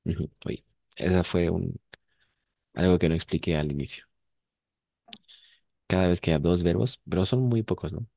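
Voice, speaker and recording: A man's voice: deep voice, moderate pace, vocal fry, long pauses, warm tone, dry recording. A man teaching a French lesson to Spanish speakers, patient, mixing both languages and correcting pronunciation. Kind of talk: online class, explaining in Spanish and French.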